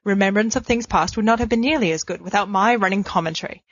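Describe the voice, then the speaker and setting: A podfic reader, a woman with a mid-range voice who talks fast, reads a fan fiction letter aloud in a playful, cheeky, mock-pompous way. The home recording is dry, dull, and lo-fi, with no echo.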